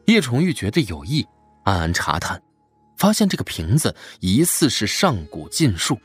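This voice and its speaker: A man narrating a fantasy web novel in an expressive storytelling style. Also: fairly low pitch, moderate pace, breathy edge, soft background music. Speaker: audiobook narrator.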